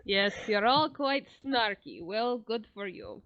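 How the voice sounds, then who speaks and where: A woman's voice: a little high, sing-song, takes it slowly, a bit bright, dry recording, lo-fi sound, pitched below the performer's own voice, heavily acted. A woman playing grandiose, paranoid Mendora. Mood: commanding. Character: Mendora, a suspicious woman warrior hounded by squirrels. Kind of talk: in-character tabletop role-play.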